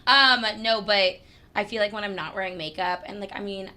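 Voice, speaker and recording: A creative director in her twenties from New Hampshire chats casually as a podcast guest, sprinkling in lots of "like." Her medium-pitched voice is brisk, bright and forceful.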